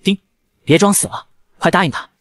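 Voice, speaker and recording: A man's voice: high-pitched, a little fast, very noisy, natural voice. A man doing a snarky talking guide system. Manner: snarky, blunt. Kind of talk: fast manga recap narration.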